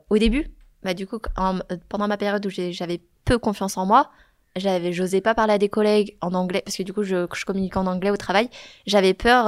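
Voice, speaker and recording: Young woman, easygoing chatty guest, laughs a lot, mid voice. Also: medium pitch. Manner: relaxed, talkative, laughs often. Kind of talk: casual chat.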